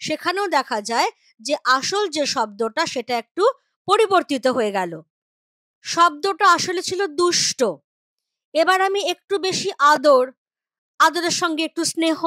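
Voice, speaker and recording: A woman's voice: very high-pitched, pushed and bright, no room sound, studio quality. A woman teacher from West Bengal explaining a grammar lesson patiently, with spoken examples.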